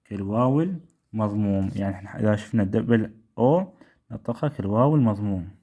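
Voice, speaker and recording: A man with an Iraqi Arabic accent gives a pronunciation lesson in a slightly low voice. He repeats each example word slowly and keeps stopping to check that it is clear. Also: mellow, highs cut off. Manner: repeats words slowly, asks rhetorical checks. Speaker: English teacher. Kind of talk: classroom-style lesson.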